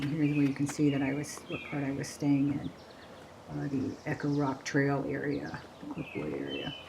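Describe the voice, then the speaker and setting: A woman's voice: low-pitched, vocal fry, a little mellow, a little hiss or hum, rough recording. A woman narrating a travel vlog in a casual, hesitant, unscripted conversational way. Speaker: travel vlogger.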